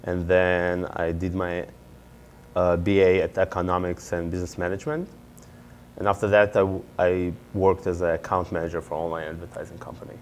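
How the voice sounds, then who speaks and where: Very deep-voiced man. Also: fairly even intonation, moderate pace, slight background noise. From Israel. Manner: earnest, explanatory, with occasional fillers. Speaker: MBA student and startup founder. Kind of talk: answering interview questions.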